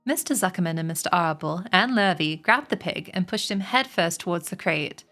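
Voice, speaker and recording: A woman reading a children's novel aloud on a stream, slowing and lifting her voice for the characters' lines. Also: on the low side, animated, fairly bright tone, soft background music. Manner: slows and lifts her voice for quoted characters.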